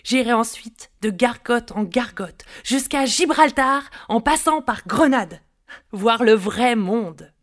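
A woman's voice: fairly high pitch, animated, slow pace. A woman voicing a stubborn, dreamy country girl who repeats her wandering refrain in a singsong way.

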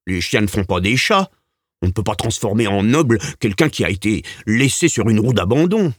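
A man's voice: lowish voice, big pitch swings, moderate pace, breathy edge, no room sound. A man voicing a dry, wiry governess who mutters scornfully about her masters. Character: grumbling dry, wiry middle-aged governess.

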